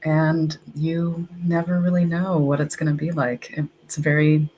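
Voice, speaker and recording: A young woman from Texas, United States, who is an English language assistant, guests on a podcast for a casual interview, telling stories chattily and using "like" frequently. Her low-pitched, slightly mellow voice barely shifts in pitch and moves unhurriedly. The audio is poor, with a little hiss or hum.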